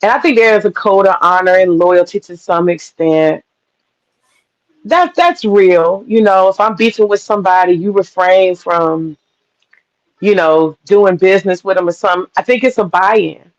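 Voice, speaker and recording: A woman's voice: mid-range voice, normal speed. A woman guest on a live-stream panel, chatting casually and emphatically over a video call. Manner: emphatic, animated storytelling. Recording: dull lo-fi call audio.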